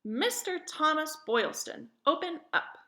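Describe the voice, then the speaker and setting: A woman's voice: medium pitch, animated, a little slow, pushed and bright. A woman reading the part of a bold, stern colonial woman activist in a classroom play, firm and scolding.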